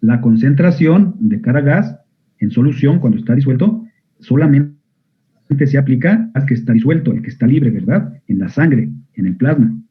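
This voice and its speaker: Man, lecturer, quizzes students, clears throat, narrow phone-like sound. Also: mid-range voice, animated, moderate pace. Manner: asks students frequent questions, clears throat often. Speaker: medical school lecturer. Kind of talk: online physiology lecture.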